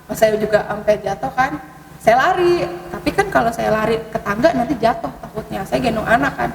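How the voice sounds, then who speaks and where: A woman recounts eerie events in relaxed conversation, hesitant and full of fillers, her pitch jumping up as she talks. Her fairly high voice sounds distant from the mic, carried in a long, echoing hall, with clear background noise. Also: fairly quick. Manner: hesitant, many fillers, sudden rises in pitch. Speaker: podcast guest telling ghost stories. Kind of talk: casual storytelling conversation.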